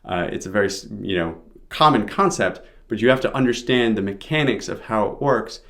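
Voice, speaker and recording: A man's voice: fairly low pitch, lively intonation, fairly quick, fairly bright tone. A man giving an informal pronunciation lesson, explaining sounds step by step as a teacher.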